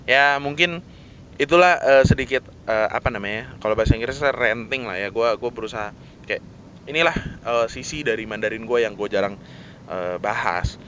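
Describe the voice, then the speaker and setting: A man's voice: medium pitch, normal speed, a bit bright, muffled recording, a little hiss or hum. Casual Jakarta-slang man ranting. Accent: Jakarta Indonesian. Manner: Jakarta slang, mixes English words, frequent fillers. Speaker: vlogger.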